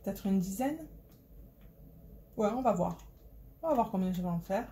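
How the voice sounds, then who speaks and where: In a casual to-camera vlog about diamond painting, a woman from Marseille, France, speaks to her phone in a Marseille French accent, rambling and reaching for words. Her mid-range voice is animated and warm at a moderate pace, with slight background noise.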